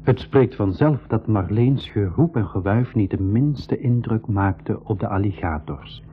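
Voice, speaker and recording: A man with a Flemish accent giving slow, measured first-person narration in a 1980s radio play. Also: fairly low pitch, lively intonation. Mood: calm. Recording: tinny lo-fi 1980s radio recording.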